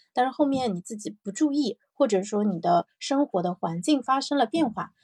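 A woman's voice: medium pitch, vocal fry, dark tone, breathy edge, dry recording, clean studio sound. A woman hosting a personal morning audio show, talking casually and reflectively, thinking aloud with repeated phrases and little check-in questions. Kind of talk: casual reflective solo podcast talk.

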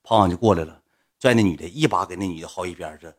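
A man telling a story casually, in animated slang that swings into loud retorts. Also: low voice, rapid-fire.

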